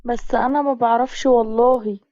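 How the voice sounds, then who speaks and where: A woman's voice: a little high, steady tone, moderate pace, dark tone, no room sound, highs cut off, lightly acted. A woman with an Egyptian accent voicing a frightened young village woman who frets with constant exclamations. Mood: fretful. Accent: Egyptian Arabic. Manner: fretful exclamations.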